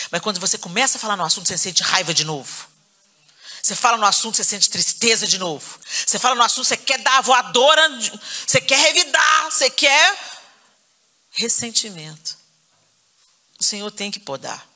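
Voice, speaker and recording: A woman's voice: fairly low pitch, pushed and bright. A woman pastor with a Brazilian Portuguese accent preaching a sermon, building to emotional appeals.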